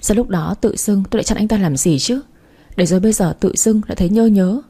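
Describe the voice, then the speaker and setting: Mellow, husky woman narrating a story. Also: mid-range voice, fast. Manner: reads dialogue of several characters in her own voice. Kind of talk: first-person audiobook narration.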